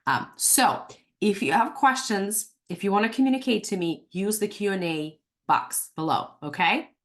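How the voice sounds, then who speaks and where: Brief: accented woman in her thirties, hoarse from a cold, lively self-joking webinar host on a computer mic. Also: mid-range voice, moderate pace. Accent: non-native English. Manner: chatty, animated, self-joking. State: sick, slightly hoarse. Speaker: webinar host and life coach. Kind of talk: live webinar teaching.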